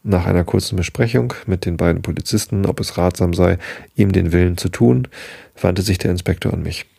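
A man narrating an audiobook in a measured way, now and then restarting a word. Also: deep voice, vocal fry, mellow, slightly rough, no room sound, studio quality.

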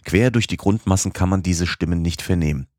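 A man voicing a desperate young man lost in the dark in an audiobook. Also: low-pitched, brisk, dry recording, clean studio sound, lightly acted. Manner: desperate, strained.

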